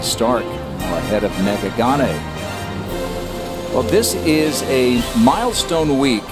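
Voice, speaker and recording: A man working as a golf commentator, calling a televised tournament in measured phrases with dramatic pauses. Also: mid-range voice. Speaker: golf commentator, lead play-by-play announcer.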